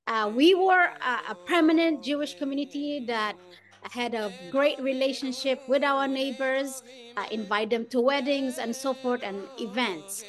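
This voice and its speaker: A middle-aged woman from Ethiopia, a chef telling her story in a podcast interview, speaking with many pauses and fillers. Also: high-pitched. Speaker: chef and guest.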